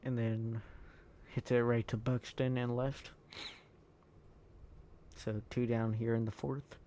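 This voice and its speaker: A man recording a tired, halting voice-over over his own sports video game footage, full of ums and uhs. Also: level tone, dark tone, slight background noise. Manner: low-key, halting, lots of ums and uhs. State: tired, yawning. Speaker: gaming YouTuber.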